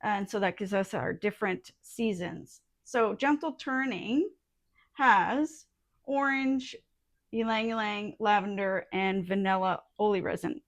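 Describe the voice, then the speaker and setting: A woman talks as a casual vlogger, addressing viewers informally and unhurriedly. She pauses and gathers her thoughts aloud, at a slower pace and middling pitch. The sound is dry, with little room to it. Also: no room sound. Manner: informal, halting, thinking aloud. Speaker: vlogger and small soap business owner. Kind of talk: casual chatty vlog talk to viewers. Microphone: small add-on phone microphone.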